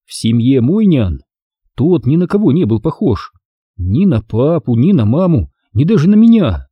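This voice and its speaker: A man narrating a storybook in a lively, expressive reading. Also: mid-range voice, moderate pace, husky, dry recording, lo-fi sound. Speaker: audiobook narrator.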